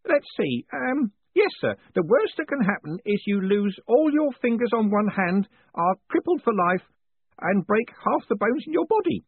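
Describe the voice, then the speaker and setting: A man voicing a fussy, eager old male postman who keeps calling people sir in a hoarse whisper. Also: sits high, sing-song, normal speed, phone-quality sound, voice pushed up, exaggerated voice. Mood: eager, servile.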